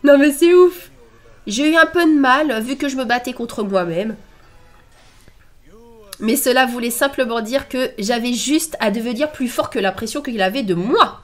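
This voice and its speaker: Nasal, stuffy-nosed woman reacting excitedly. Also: a little high, normal speed, faint music behind. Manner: excitable, exclaiming and laughing between read-out subtitles. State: stuffy nose from a cold. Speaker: anime reaction host.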